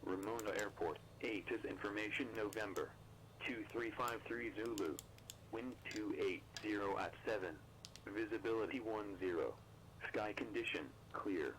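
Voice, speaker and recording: A male voice reading an automated airport weather broadcast over the radio in a flat, even readout of numbers and conditions. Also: lowish voice, moderate pace, noisy background. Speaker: recorded weather information. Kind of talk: monotone recorded readout.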